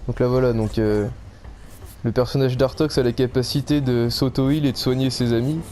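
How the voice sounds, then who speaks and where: A man's voice: medium pitch, steady tone, normal speed, warm tone. Man explaining gameplay over noisy background. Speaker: gamer presenting a horror game to viewers. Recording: clearly noisy game background.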